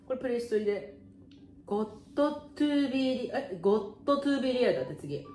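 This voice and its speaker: Bubbly YouTuber in her twenties, high lively voice in an echoey room, casual slangy delivery. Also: quick pace. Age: 20s. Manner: chatty, slangy, excitable. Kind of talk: casual chat while sharing songs.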